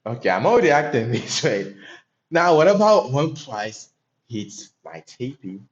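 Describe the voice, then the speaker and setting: A young Haitian live-streaming day trader narrates his trades and talks with chat, loose and profane throughout. His mid-range voice has a sing-song quality and a measured pace, and the recording's highs are cut off.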